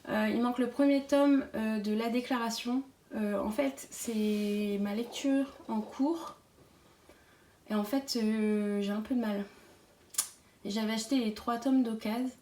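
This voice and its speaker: A woman's voice: a little high, steady tone, unhurried, warm tone, roomy sound, a little hiss or hum. A young woman giving a casual, chatty tour of her bookshelf, with many fillers. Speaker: book vlogger.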